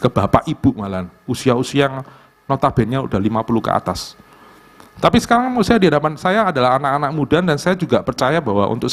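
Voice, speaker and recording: A man with an East Javanese accent, giving a conversational youth sermon in a church and acting out little dialogues. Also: a little high. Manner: animated, conversational, acts out dialogues. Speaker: pastor.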